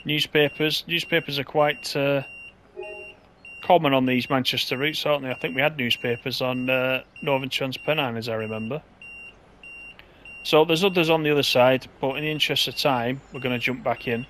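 A man's voice: mid-range voice, fairly even intonation, moderate pace, a bit bright, slight background noise. A man giving casual, chatty gameplay commentary as he drives a train, thinking aloud in an easygoing way.

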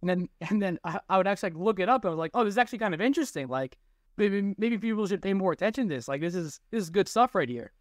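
A man's voice: sits high, lively intonation, rapid-fire, no room sound, studio quality. A teenage boy answering interview questions over a video call, rambling and filling his sentences with "like". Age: teens. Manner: rambling, lots of "like". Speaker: guest, baseball analytics tweeter. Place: small room indoors. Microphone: webcam on a video call.

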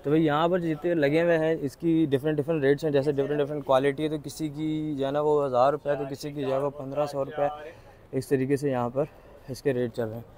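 A man's voice: a little high, level tone, quick pace, darkish tone. Chatty man vlogging a bazaar. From Pakistan. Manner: chatty, enthusiastic, repeats prices, asks shopkeepers questions. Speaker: vlogger touring a market. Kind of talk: casual walking market tour vlog. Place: outdoor city bazaar.

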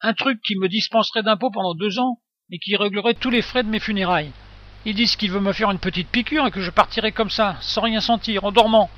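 A man's voice: high-pitched, fast, a bit bright, lo-fi sound, pitched above the performer's own voice. A man voicing a frail 82-year-old widow.

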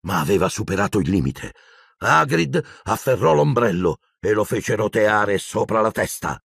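A middle-aged man narrating an audiobook in an expressive, theatrical storytelling manner with a gravelly, husky voice. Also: fairly low pitch, moderate pace, no room sound, clean studio sound.

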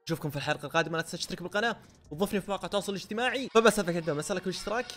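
A man with a Gulf Arabic accent giving excited, chatty commentary on a football video game and scolding the players on screen. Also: high-pitched, racing, faint music behind. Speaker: gaming YouTuber.

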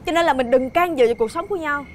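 A woman's voice: high voice, fast talker, slight background noise, lightly acted. An actress with a Southern Vietnamese accent playing a worried, protective single mother in a TV family drama. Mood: cold. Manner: urgent, pleading, then firm and cool. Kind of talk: television drama acting.

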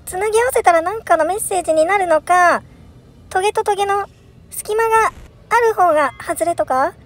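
A woman's voice: extremely high pitch, fairly quick. A woman streaming a first play of a horror puzzle game, thinking aloud and crying out in alarm with repeated exclamations.

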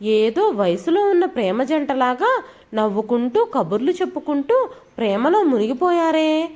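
A woman voicing a bossy young daughter-in-law in a storybook, shouting and scolding. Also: sits high, very animated, normal speed, voice pushed up. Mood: angry scolding.

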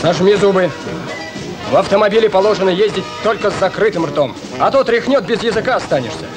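An officious male boss with a high, swooping voice. He barks out rules pedantically and commandingly, as in a Soviet film comedy. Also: animated, quick pace, music in the background, low-quality recording. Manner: commanding, pedantic, rule-quoting. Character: officious, strict comrade in charge of village transport. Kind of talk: comedy-drama film acting.

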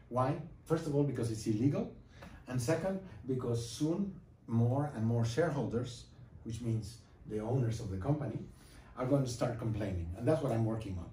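A middle-aged man from Guatemala giving an emphatic classroom lecture with slides, pausing and repeating lines for effect. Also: mid-range voice, mellow, slight background noise. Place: classroom with projector screen, indoors. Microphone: far camera, no mic seen. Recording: echoey classroom from far off.

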